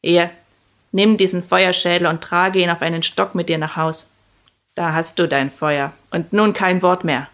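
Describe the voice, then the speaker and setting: A gruff old witch, put on by a woman reading a storybook, growls her lines slowly and slyly. The voice sits low and menacing. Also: steady tone, fairly bright tone. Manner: growling, slow and sly.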